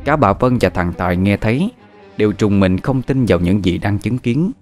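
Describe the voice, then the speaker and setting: A man's voice: on the low side, animated, normal speed, darkish tone, faint music behind. A man narrating a horror story in a dramatic, suspenseful way.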